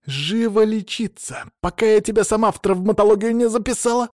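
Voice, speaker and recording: A man's voice: on the high side, sing-song, fast, a little mellow, breathy edge, no echo, studio quality, voice pushed up. A man voicing a stern, fierce woman healer who scolds and threatens in an audiobook. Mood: threatening.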